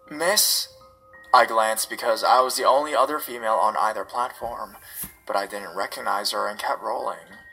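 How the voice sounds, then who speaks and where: A man narrates first-person horror stories in a steady, measured read. His voice is bright and forward, with soft music running faintly beneath. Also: medium pitch, poor audio.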